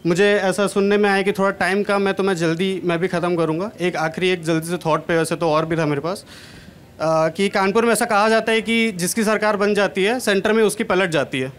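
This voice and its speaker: With a high pitch and fairly even intonation, a young man from Kanpur, India delivers a fairly quick stand-up set, with slight background noise. He uses a handheld mic on a large indoor stage. His style is chatty and self-deprecating.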